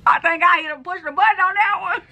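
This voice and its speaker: A young woman with a Southern US accent trash-talking strangers on a video chat app in loud, sassy, teasing banter. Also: very high-pitched. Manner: sassy, teasing, drawn-out shouting. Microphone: phone or computer with video chat.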